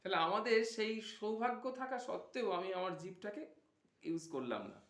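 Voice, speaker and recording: A man's voice: high-pitched, expressive, moderate pace, echoey room. A man giving a devotional discourse, asking his listeners questions and answering them himself. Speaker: Bhagavata reciter.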